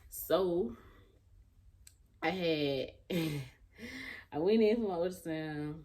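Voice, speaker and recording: A young woman of eighteen casually telling a story to camera as a vlogger, animated and loose, with fillers and restarts, acting out what other people said. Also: on the low side, extremely slow, breathy edge.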